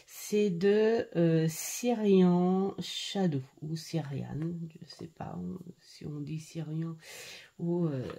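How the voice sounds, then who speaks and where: Woman, middle-aged, casual review chat, hesitant with fillers, low voice, unhurried. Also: dark tone. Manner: hesitant, full of "euh" fillers and restarts. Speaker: tarot and oracle card vlogger.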